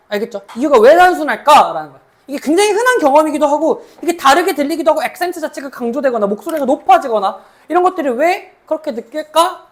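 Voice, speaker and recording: High-voiced woman teaching English grammar. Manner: reads English lines slowly, then explains in Korean with frequent check-in questions. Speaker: English teacher at a cram school. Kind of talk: mock exam explanation lecture.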